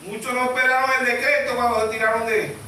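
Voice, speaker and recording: A man's voice: very high-pitched, flat delivery, quick pace, pushed and bright, slight background noise. A man preaching a sermon as pastor, emphatic, asking the congregation questions and waiting for their answers. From Venezuela. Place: church hall. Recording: echoey church sound from far off.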